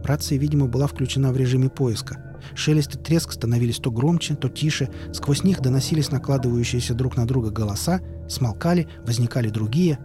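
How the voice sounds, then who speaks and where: A man narrating an audiobook in a steady, even storytelling voice. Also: mid-range voice, a little fast. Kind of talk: scripted narration. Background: music.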